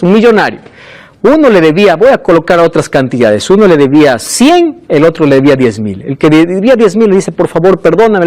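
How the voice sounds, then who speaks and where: Animated high-voiced male pastor preaching. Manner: preaching with rhetorical questions to the congregation; swings between loud emphatic peaks and low soft drops. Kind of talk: sermon.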